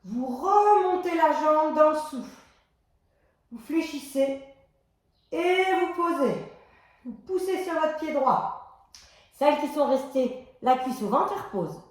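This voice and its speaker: A woman fitness instructor guiding a floor exercise class, giving calm step-by-step cues timed to the breath. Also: high-pitched, takes it slowly, long pauses. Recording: very echoey exercise room.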